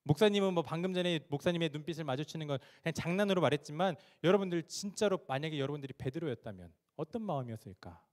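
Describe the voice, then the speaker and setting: A male pastor delivers a sermon in a slightly high voice. He retells the story with dramatic turns, dropping to a hush and rising again. He throws questions at his congregation. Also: animated, fast talker, hardly any pauses.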